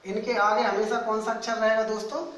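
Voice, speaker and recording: A man teaching a grammar lesson to coaching students, speaking slowly and repeating key points, addressing them as friends. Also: high voice, little pitch movement, fairly bright tone, distant mic, a little hiss or hum. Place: coaching classroom. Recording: echoey room, voice away from mic.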